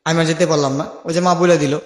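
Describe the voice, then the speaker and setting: A young man from Bangladesh tells his life story as a guest in a radio-style interview, speaking colloquially and acting out remembered dialogue. His voice is a little high and steady, he talks fast, and the recording is echoey with a long reverb.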